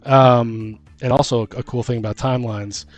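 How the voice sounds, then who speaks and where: A man hosts a casual podcast about tabletop games as game master, talking in a rambling, slangy, informal way. His mid-range voice stays steady at a moderate pace. There's no room sound, and music plays behind him.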